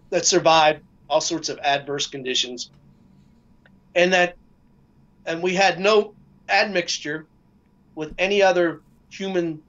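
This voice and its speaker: A man talking casually as a guest, halting often with fillers and restarts. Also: on the high side, a bit bright, dull audio. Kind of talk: casual discussion.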